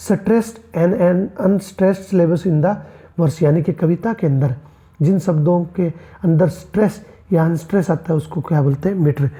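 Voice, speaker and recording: A teacher works through poetry terms for an exam, posing rhetorical questions and answering them right away. The voice is very dark and mellow. English terms are woven into the explanations, and the students are addressed as friends. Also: mid-range voice. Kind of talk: exam-prep lecture.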